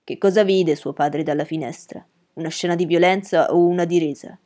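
A woman's voice: fairly low pitch, fairly even intonation, a little fast, mellow, natural voice. A woman voicing a patient middle-aged male lawyer who questions a witness firmly and pointedly. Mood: probing.

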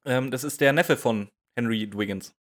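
A man with a mid-range voice chats on a podcast in a relaxed, joking way. He cuts in often and stumbles over little fillers as he talks. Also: mid-range voice, normal speed. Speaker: podcast co-host. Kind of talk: casual chat recapping a radio play episode.

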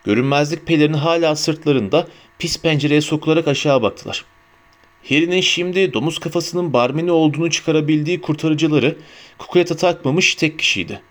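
A man with a fairly high voice reads an audiobook aloud. His narration is measured and steady, keeping an even storytelling flow.

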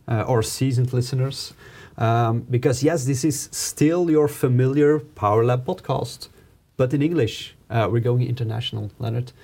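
A man's voice: medium pitch, normal speed, vocal fry, mellow. A man hosting a casual podcast in English, chatting in a friendly way with frequent ums and uhs. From Belgium. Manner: friendly, hesitant with fillers. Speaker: podcast host.

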